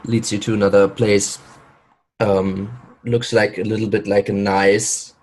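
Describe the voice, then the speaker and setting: A man narrates a tabletop role-playing game as game master, with a low voice and an unhurried pace. He halts and fills gaps with ums as he describes the scene. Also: flat delivery, darkish tone, poor audio. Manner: halting, with fillers and laughs.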